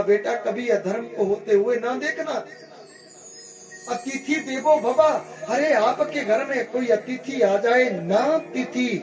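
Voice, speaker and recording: High-voiced preacher guy telling a holy story all dramatic, music playing under him. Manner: dramatic, emphatic, with calls to chant. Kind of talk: devotional story sermon. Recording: echoey room with music behind.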